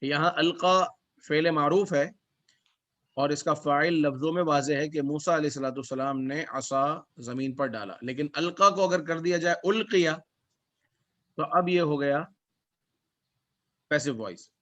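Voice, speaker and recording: A man's voice: on the high side, fairly even intonation, pauses often, fairly bright tone. Man teaching Arabic, recites then translates. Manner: explains word by word, reciting verses then translating. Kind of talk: classroom lesson. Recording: dull lo-fi recording.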